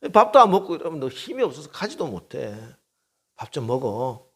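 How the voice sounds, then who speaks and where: A man voicing God as a gentle, fatherly figure who softly coaxes a despairing prophet to get up and eat. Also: fairly high pitch, big pitch swings, fairly quick, breathy edge, full character voice. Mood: gently coaxing. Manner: soft, soothing, coaxing.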